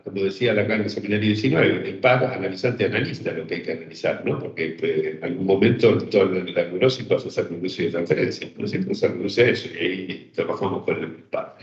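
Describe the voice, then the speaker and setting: A man teaching an online psychoanalysis seminar, talking thoughtfully with many fillers and checks to his listeners. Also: on the low side. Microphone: video call. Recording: roomy, dull online call audio.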